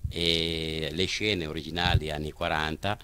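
A man's voice: rumbling low, flat delivery, unhurried, bright, forceful tone, clear, resonant tone. A man, a puppeteer explaining his craft in an interview into a handheld microphone. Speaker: puppeteer from a family company. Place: indoors at the puppet theatre.

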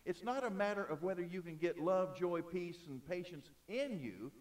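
A man preaching a sermon in an auditorium, emphatic, swinging between loud and soft. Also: high voice, expressive, normal speed, far from the mic. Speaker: pastor.

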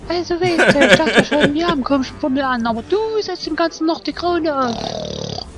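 A man voicing an indignant space hero in a high, exaggerated voice with a Saxon accent. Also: wildly swooping pitch, moderate pace, creaky, heavily acted. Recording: music under the dialogue.

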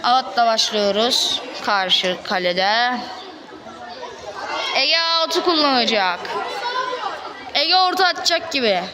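A woman's voice: expressive, takes it slowly, long pauses. A woman giving live commentary on a football match, speaking outdoors at a tournament. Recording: noisy outdoor pitch with loud crowd.

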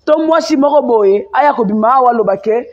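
Une femme avec un accent congolais qui s'emporte en direct sur son live, répète ses phrases avec insistance et passe du français au lingala. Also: female voice, fairly high pitch, expressive, a little fast. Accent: Congolese French. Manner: emphatic and repetitive, mixing French with Lingala. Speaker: live-stream host. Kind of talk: impassioned live-stream rant. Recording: dull lo-fi sound.

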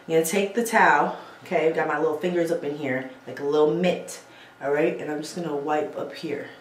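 A woman's voice: low-pitched, steady tone, fairly quick, a little hiss or hum. A woman giving a casual beauty how-to at a bathroom sink, chatting to viewers and checking in with "okay?" as she goes. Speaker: beauty vlogger. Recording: roomy echo, faint ambience.

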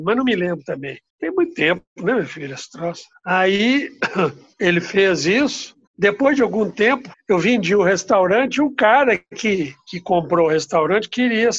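A man's voice: sits high, fairly bright tone. An older man from recalling old stories over a video call, hesitant and trailing off. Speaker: father telling family stories. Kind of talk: casual recollection. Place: home room, indoors. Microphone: laptop webcam on video call. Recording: dull lo-fi video call audio.

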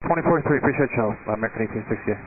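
A man speaking as an airline pilot over a cockpit headset radio, giving brisk, clipped readbacks to air traffic control. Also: fairly low pitch. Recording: tinny radio transmission with faint static.

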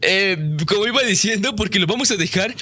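Young guy doing excitable gameplay commentary, high bright voice, talks to his viewers like friends. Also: a little fast, slight background noise. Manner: excitable, with frequent surprised exclamations; addresses viewers directly as friends. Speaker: gaming video creator.

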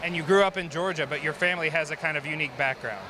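A man's voice: on the high side, very fast, noisy background. A man interviewing graduates live with an enthusiastic, chatty manner, on a handheld mic in a crowded indoor gym. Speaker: social media manager interviewing graduates.

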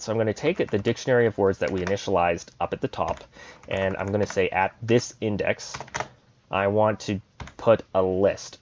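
Casual low-voiced man teaching code. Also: dull audio. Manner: casual, thinks aloud while typing code. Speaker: programming tutor. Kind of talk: screen-recorded coding tutorial.

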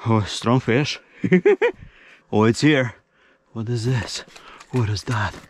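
A man in his thirties talking to camera from an ice-fishing tent, in broken non-native English and breaking into excited exclamations. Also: mid-range voice, slow pace, a little hiss or hum. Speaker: fishing vlogger. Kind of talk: casual vlog narration to camera. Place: inside an ice-fishing tent on a frozen lake. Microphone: action camera mounted in the tent.

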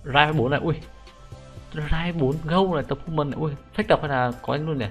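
A young gaming YouTuber, fairly high-pitched and a little fast, takes viewers through a menu in a relaxed screen-recorded game script tutorial. He's excitable and slangy, repeating particles at the ends of his sentences, while music plays in the background.

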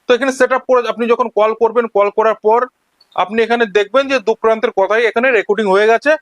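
A tech tutorial host narrates an instructional screen recording step by step in voice-over, speaking fast in a high-pitched, steady tone. The recording has no room sound.

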